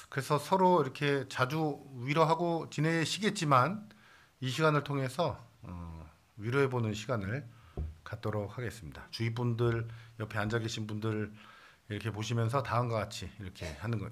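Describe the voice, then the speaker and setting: Male pastor, sermon; bright, forward tone, chatty with lots of fillers. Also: mid-range voice, normal speed. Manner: conversational preaching with playful asides and many fillers. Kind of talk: Sunday sermon. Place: church sanctuary.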